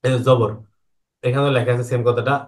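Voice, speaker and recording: A man teaches an online Quran lesson. His pitch sits in an ordinary middle range. He poses questions and patiently answers them himself, going over each point slowly more than once. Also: little pitch movement. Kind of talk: online lesson explaining Arabic vowel marks.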